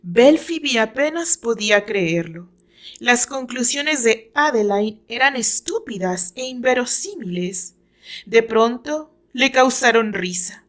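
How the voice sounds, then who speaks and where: Reading from a novel she wrote, a Mexican-accented woman gives a theatrical, carefully paced story narration. Her voice runs on the high side and is full of expression.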